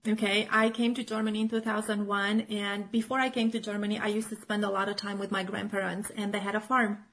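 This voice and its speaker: A middle-aged Romanian woman, a children's author and teacher, chats in a casual interview, full of fillers and restarts and laughing often. Her medium-pitched voice is flat, brisk and a bit bright, captured with poor audio.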